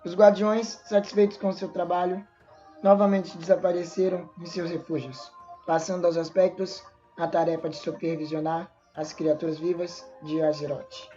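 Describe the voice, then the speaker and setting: A woman's voice: lowish voice, little pitch movement, normal speed, mellow. A woman narrates a fantasy story, reading along with small slips and restarts. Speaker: lore narrator. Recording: dull lo-fi voice with faint music.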